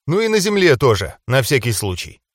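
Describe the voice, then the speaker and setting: A man's voice: mid-range voice, huge pitch swings, a little fast, no echo, studio quality. A man voicing an earnest young man who speaks formally and seriously in an audiobook.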